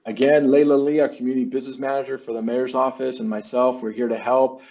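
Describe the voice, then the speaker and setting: This marketing agency owner presents slides in an online meeting, pitching informally in laid-back business jargon. He speaks fast in a mellow, mid-range voice with a level tone, and the meeting audio comes through dull and lo-fi.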